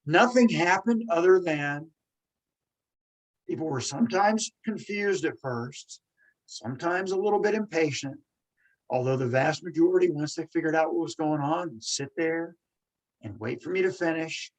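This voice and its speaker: This man, in his forties, hosts a podcast with a fairly high, animated voice, stuttering on repeated sounds as he delivers an earnest, casual monologue in emphatic quick bursts. The recording is low quality.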